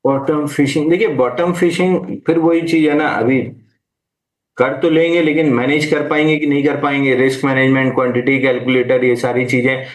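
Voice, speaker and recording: A man's voice: mid-range voice, fairly even intonation, normal speed. Guy analyst giving trading tips on a live show, patient advisory tone, echoey room. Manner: patient, advisory, uses Hindi mixed with English terms. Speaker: market analyst guest. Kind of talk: live market Q&A, explaining stock levels.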